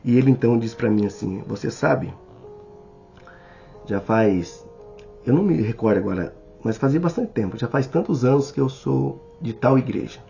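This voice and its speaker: A man with a Brazilian Portuguese accent teaching a Bible study in a sermon style, speaking slowly and deliberately and addressing the listener directly. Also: medium pitch, lively intonation, vocal fry, mellow. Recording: slightly dull recording with faint music.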